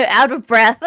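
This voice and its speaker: A woman's voice: high voice, pushed and bright, no echo, clean studio sound. A woman chatting as a guest on a podcast, talkative and laughing often between phrases. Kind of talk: casual podcast chat.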